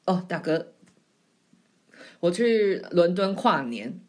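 Woman, mid-twenties, slightly low pitch; chatty solo podcast host, digressive and self-deprecating. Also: very animated, slow pace, a little mellow. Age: 20s. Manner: chatty, rambling, self-mocking. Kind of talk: casual solo storytelling.

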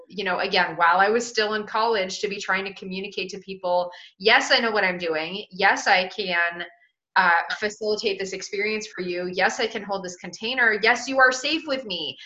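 A woman's voice: mid-range voice, bright, forceful tone. A woman in her thirties who runs a healing business, speaking reflectively in casual chat. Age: 30s. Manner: reflective, searching for words. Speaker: business owner in a healing practice. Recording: dull lo-fi sound.

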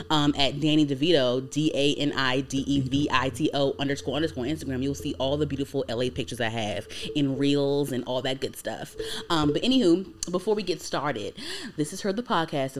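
A woman in her twenties co-hosting a casual podcast, talking in a loose, rambling way full of likes and ums. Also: low-pitched. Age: 20s. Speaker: podcast co-host.

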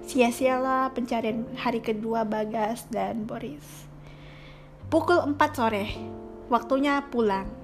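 A chatty woman telling a story casually, full of little asides. Her voice sits high. Faint music plays behind her. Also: slow.

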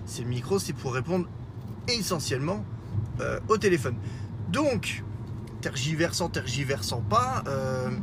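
A man's voice: fairly high pitch, noisy background. Rambling man with a Lorraine accent. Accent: Lorraine French. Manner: rambling, with many fillers and self-corrections; self-deprecating. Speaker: podcast host. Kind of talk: casual solo podcast monologue. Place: in a car while driving. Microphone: smartwatch microphone.

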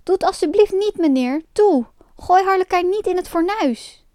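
A high, excited wooden puppet boy from a storybook, voiced by a woman narrator. He sounds eager and pleading, and the voice has a mellow, soft tone. The room is dry, with faint music underneath. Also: normal speed, no room sound.

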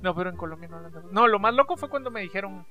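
A man's voice: sits high, expressive, racing, sharp tone, soft background music. Rambling Guatemalan man, joking. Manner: rambling, self-interrupting, joking. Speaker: podcast co-host. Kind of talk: casual chat.

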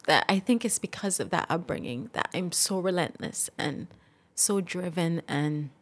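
A young adult woman talks through her story as a podcast guest. Her voice sits low for a woman, and she speaks in a relaxed, reflective way. When feelings rise she eases off with a small laugh. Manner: reflective, gets emotional and laughs it off. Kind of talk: casual interview talk.

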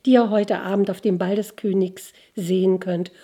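A woman voicing a poor, modest young girl in a storybook, in a slightly raised, bright voice. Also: medium pitch, fairly even intonation, normal speed, breathy edge, close to an everyday voice. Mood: gently refusing. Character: young ragged girl, cheerful yet modest.

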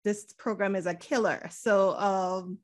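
A woman's voice: medium pitch, steady tone, measured pace. A woman hosting a podcast, welcoming and interviewing her guest in an effusive, gushing way with frequent "um" and "so". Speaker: podcast host.

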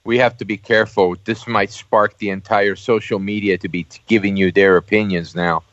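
A man's voice: fairly low pitch, steady tone, brisk, fairly bright tone, highs cut off. A man hosting a casual, conversational interview. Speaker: interview host.

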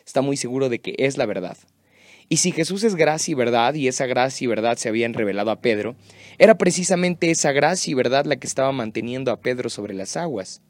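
A man's voice: medium pitch, no room sound, studio quality. A man giving a devotional sermon in a conversational way, often asking the listener questions. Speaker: youth preacher.

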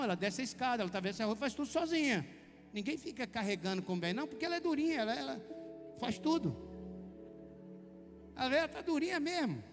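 High-voiced Brazilian man preaching in a hall. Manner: chatty storytelling, addresses listeners as brother. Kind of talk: conversational sermon with personal anecdotes. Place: church hall. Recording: long hall reverb with faint music.

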